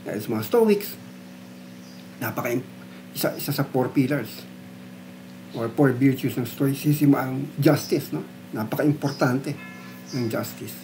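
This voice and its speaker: A man's voice: mid-range voice, a little slow, pauses often, warm tone, a little hiss or hum. Man explaining philosophy casually. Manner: conversational, frequent tag questions and fillers. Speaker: philosophy lecturer.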